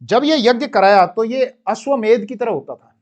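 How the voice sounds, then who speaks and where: High-voiced man teaching history. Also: dull audio. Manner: explains with asides and quick corrections. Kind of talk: classroom history lecture.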